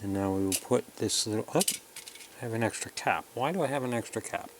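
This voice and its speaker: In a casual hands-on tutorial, the host of an electronics kit build talks through each step as he works, keeping his explanations plain. He has a medium-pitched voice and speaks a little fast, with background noise present.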